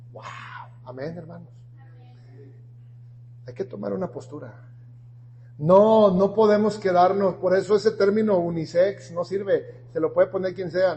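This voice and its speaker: A male pastor preaching a sermon, swelling to loud, slow, emphatic lines and dropping back to quiet asides. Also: high-pitched, slight background noise. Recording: long echo of a large hall.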